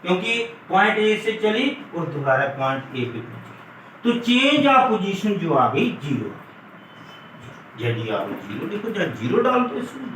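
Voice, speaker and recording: A man's voice: high-pitched, a bit bright. A man teaching physics in a classroom, explaining step by step and calling his students "beta". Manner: explains step by step, mixes English terms, calls students "beta". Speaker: physics lecturer. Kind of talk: classroom lesson at a board. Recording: echoey room from far off, faint noise.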